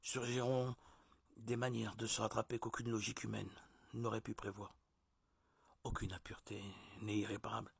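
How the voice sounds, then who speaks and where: A man giving a measured, deliberate religious teaching, like a sermon. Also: lowish voice, little pitch movement, vocal fry, husky, no echo. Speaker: preacher.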